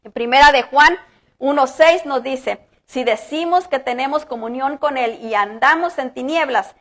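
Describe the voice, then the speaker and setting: A woman pastor preaching a sermon in earnest, rising for emphasis and slowing down to read scripture aloud. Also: high voice, a bit bright. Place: church.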